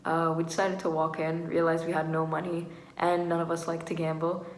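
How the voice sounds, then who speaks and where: A woman's voice: low-pitched, monotone, fairly quick. Young woman vlogger rambling in an echoey room. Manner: rambling storytelling full of "like". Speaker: travel vlogger. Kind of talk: casual chat. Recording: echoey room with faint noise.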